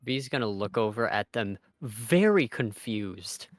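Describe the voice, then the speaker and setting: A man's voice: lowish voice, animated, measured pace, no room sound, studio quality. A man playing a tabletop game, chatting casually and easygoing. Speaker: player.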